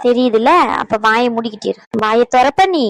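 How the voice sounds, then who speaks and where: A woman voices a level-headed older sister who settles a family fight in a cartoon. She scolds and soothes in turn, her voice a little high and recorded close and dry. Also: fairly even intonation, normal speed, no echo, natural voice, rough recording. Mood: firm. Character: calm older sister figure who mediates. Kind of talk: cartoon voice acting.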